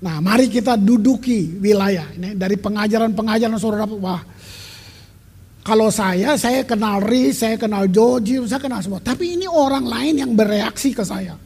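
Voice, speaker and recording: A man's voice: high voice, moderate pace, creaky, a little mellow, husky. A middle-aged man preaching a sermon as pastor, talking emphatically and conversationally and dropping in English phrases. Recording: long reverb of a large hall.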